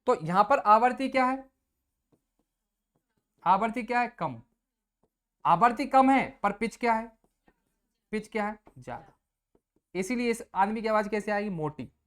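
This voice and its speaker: A woman's voice: on the high side, animated, measured pace, pauses often. A woman teacher giving an exam coaching lecture, casually explaining with everyday examples and asking the class questions she answers herself.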